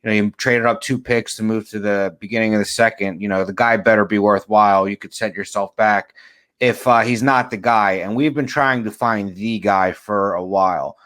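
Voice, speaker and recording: A man co-hosting a sports podcast, talking in a relaxed, measured, thoughtful way. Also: fairly low pitch. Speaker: podcast co-host. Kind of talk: casual sports podcast chat.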